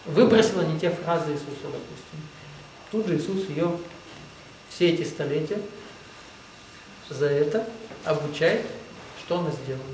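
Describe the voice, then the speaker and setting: A man's voice: fairly high pitch, normal speed, long pauses, a little mellow, a little hiss or hum. A man giving a rambling, emphatic spiritual lecture, often saying "well, let's say". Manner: rambling, emphatic, repeats "ну, допустим". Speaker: spiritual teacher. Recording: echoey room, distant mic.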